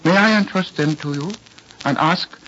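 An actor playing a courteous, grave Chinese army general in a 1940s radio drama, speaking in a formal, measured way. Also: male voice, fairly high pitch, a bit bright, natural voice. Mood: confiding, courteous. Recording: dull, noisy old radio recording.

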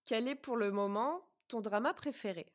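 A woman's voice: a little high, normal speed. A woman hosting a podcast, chatting casually with frequent hesitations and presenting prepared notes. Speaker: podcast host.

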